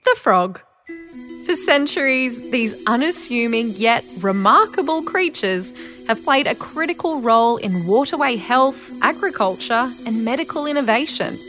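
An Australian woman narrates in the manner of a nature documentary, her voice pitched on the high side. She tells it in a measured, dramatic storytelling way, with music playing behind her. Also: lively intonation, fairly bright tone. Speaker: podcast host and narrator.

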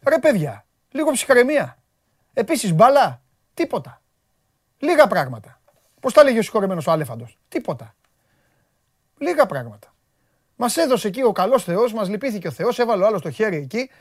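A man hosting a sports talk show, chatting in an animated, joking way, his voice jumping high when he gets worked up. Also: no echo, studio quality. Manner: excitable, jokey, voice jumps high when worked up.

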